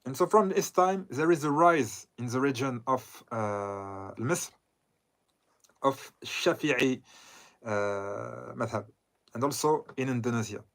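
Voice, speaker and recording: Slow, halting man lecturing. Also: medium pitch, animated, fairly bright tone. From southern Lebanon. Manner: halting, with frequent "uh" pauses and self-corrections. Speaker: Islamic scholar lecturing. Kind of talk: lecture commenting on a read text.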